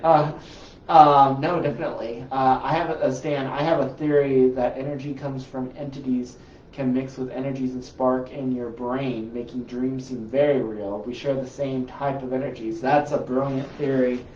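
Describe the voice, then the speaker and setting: A man hosting a paranormal group's live show, telling stories in an animated, rambling way with lots of restarts. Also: mid-range voice, normal speed, slight background noise. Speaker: paranormal investigation group host. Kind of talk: casual live-stream chat. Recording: roomy, distant, slightly dull live-stream audio.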